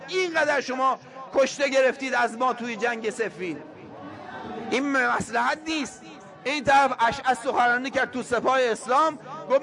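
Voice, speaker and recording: A man preaching an impassioned political sermon, fiery and scolding, rising at times to shouts. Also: very high voice.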